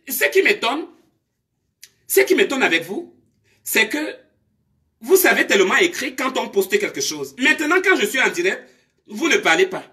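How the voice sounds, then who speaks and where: A woman's voice: a little high, sharp tone. Scolding woman live-streaming. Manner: scolding, confrontational, rhetorical questions. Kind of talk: live-stream rant to commenters.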